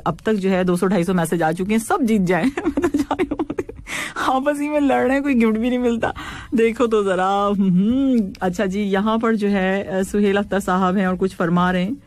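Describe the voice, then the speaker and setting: A woman's voice: medium pitch, a little mellow, no echo. A woman hosting a radio call-in show, reading listeners' messages and teasing them playfully, laughing often. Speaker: radio host.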